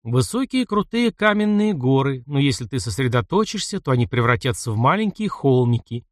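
A man reading aloud, voicing a calm, instructive male voice from a recording. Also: mid-range voice, brisk, dry recording, studio quality, lightly acted.

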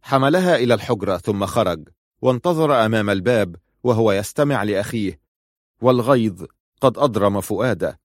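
A man narrating an audiobook in a steady, measured storytelling manner. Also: lowish voice, no room sound, studio quality.

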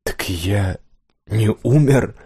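A nervous village blacksmith, read by a man, eager to please his dreaded guest. He hesitates and stammers, his low voice falling into squeaks when cornered. The sound is close and dry. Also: drawn-out words, warm tone, husky, no echo, exaggerated voice. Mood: unsure. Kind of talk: audiobook character reading.

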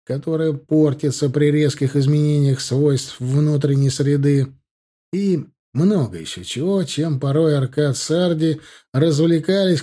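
A man narrating a fantasy audiobook in a steady, measured reading style. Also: on the high side. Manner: steady, measured reading of dense technical prose. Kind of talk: scripted narration.

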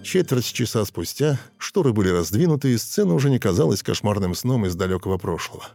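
A man narrating a dramatic audiobook in a measured, theatrical manner. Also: fairly low pitch, big pitch swings, creaky. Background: soft music.

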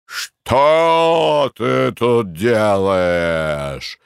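A man voicing a rough, suspicious hotel corridor servant who barks accusations in an audiobook. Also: medium pitch, expressive, takes it slowly, no room sound, studio quality, exaggerated voice. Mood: angry, suspicious. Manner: shouting, gruff accusations.

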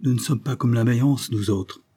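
A man reading the part of a young peasant fighter of about twenty who speaks bluntly and calmly. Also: mid-range voice, moderate pace, husky, lightly acted. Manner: blunt, calm country speech.

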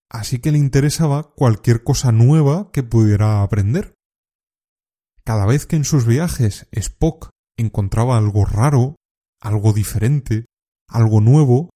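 A man from teaching expressions in a calm, measured scripted lesson, now and then acting out short example phrases. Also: medium pitch. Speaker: Spanish teacher.

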